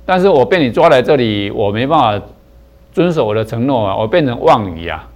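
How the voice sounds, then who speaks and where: A captive king in a spoken parable, earnest and pleading, as a man voices him. His voice sits at an even middle pitch, with nothing harsh in it. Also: a little fast.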